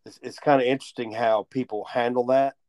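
A man co-hosting a podcast in casual chat, easygoing and quick to laugh, rambling through his thoughts. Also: mid-range voice, steady tone, darkish tone, dry recording. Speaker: podcast co-host.

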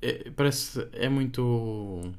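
Speaking very slowly, at a medium pitch and with a slightly mellow quality, this young Portuguese-accented man co-hosts a podcast. It's a relaxed, informal chat peppered with slang.

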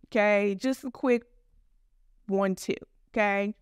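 A woman's voice: mid-range voice, slow, clear, resonant tone, no room sound, studio quality. A woman podcast host telling a story in casual, blunt, profane talk. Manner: blunt, profane, animated retelling.

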